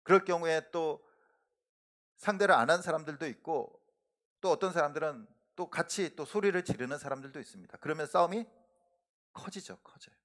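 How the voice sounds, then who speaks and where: In a church sanctuary, a middle-aged male pastor delivers an earnest sermon, hammering his points home while letting each sentence trail off softly. His voice sits on the high side and moves a little fast.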